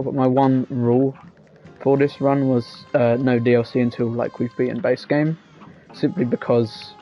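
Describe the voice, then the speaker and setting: Reading chat messages aloud and rambling casually, this man streams a game live in a medium-pitched voice with vocal fry. Faint game music plays behind his slightly dull, lo-fi mic.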